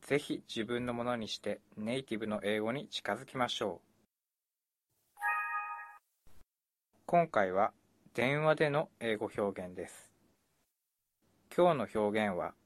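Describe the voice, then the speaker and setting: A man narrating a scripted language lesson in a measured, explanatory way. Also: lowish voice, no room sound.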